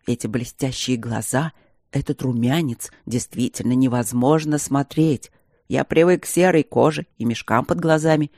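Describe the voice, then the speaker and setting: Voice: mid-range voice, a little mellow, dry recording, clean studio sound, close to an everyday voice. A narrator voicing a capricious, ironic young aristocrat patient in an audiobook. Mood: wheedling. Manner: slow, wheedling, ironic. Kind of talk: audiobook character reading.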